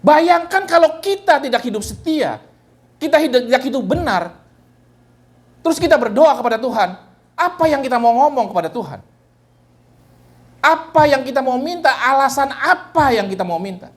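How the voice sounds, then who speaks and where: A male pastor preaching a sermon in a church, speaking animatedly and often turning to address the congregation directly. His voice drops low and soft on repeated refrains. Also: animated, moderate pace, long pauses.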